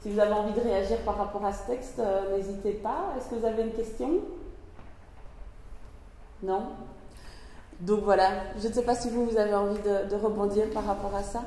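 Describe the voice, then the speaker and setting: A woman's voice: medium pitch, steady tone, normal speed, long pauses, mellow. A woman from Belgium, moderating a discussion, speaking thoughtfully and hesitantly. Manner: thoughtful, hesitant, many fillers and restarts. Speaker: moderator and reader. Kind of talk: reading aloud, then hosting a discussion. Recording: very echoey hall, faint noise.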